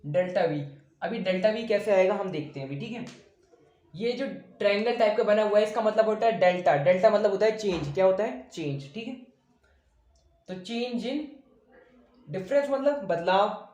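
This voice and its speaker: A man's voice: sits high, normal speed, darkish tone, dull audio. A male teacher giving a blackboard science lesson, asking the class questions, answering them himself, and patiently repeating each point. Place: room with a board he writes on and erases. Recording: echoey room.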